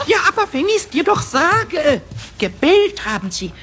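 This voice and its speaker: A woman voicing a small, cheeky, excitable male kobold in a vintage cartoon style for a children's audio play, exclaiming and repeating words in a childlike way. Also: high-pitched, measured pace, background noise. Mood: agitated, pleading. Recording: music behind the voice.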